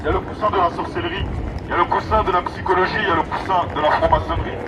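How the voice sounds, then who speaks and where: This street evangelist, a high-pitched man, preaches very fast and in a steady tone through a megaphone, his open-air sermon full of repetitive, emphatic exhortation. He's out on a city street, and the distant, muffled megaphone competes with loud traffic and urban background noise.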